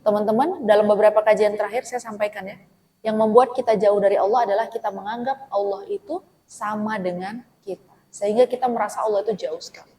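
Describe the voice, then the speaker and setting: A woman, a therapist, giving a conversational religious talk to a women's study group. She is lively, laughs often and asks the audience rhetorical questions. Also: medium pitch, quick pace, low-quality recording. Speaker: speaker at a women's Islamic study session and therapist.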